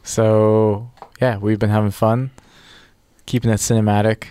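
A man's voice: on the low side, little pitch movement, a little slow, dark tone, smooth. A man co-hosting a radio show in casual chat about music.

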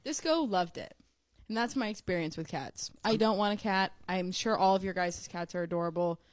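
A woman's voice: mid-range voice, moderate pace, dry recording. Chatty young woman telling stories. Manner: chatty storyteller, many fillers. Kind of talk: casual chat.

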